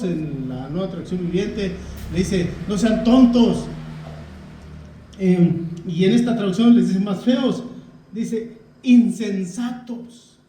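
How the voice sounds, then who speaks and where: A man's voice: high-pitched, mellow, a little hiss or hum. A man, a pastor giving a folksy, conversational sermon and often addressing the congregation as brothers. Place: church hall. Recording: echoey church hall, distant mic.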